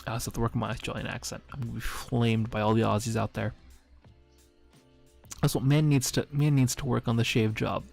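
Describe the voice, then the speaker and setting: Gravelly, giggly streamer man chatting casually. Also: medium pitch, steady tone, fairly quick, a little mellow. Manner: rambling, giggly, self-mocking. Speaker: streamer and dungeon master. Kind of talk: casual stream chat reviewing memes. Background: faint background music.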